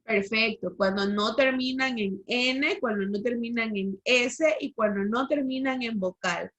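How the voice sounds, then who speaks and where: Speaking unhurriedly in a slightly high, somewhat bright voice, a woman runs an online language lesson. She explains rules and quizzes the class over a video call whose audio is a little dull and lo-fi.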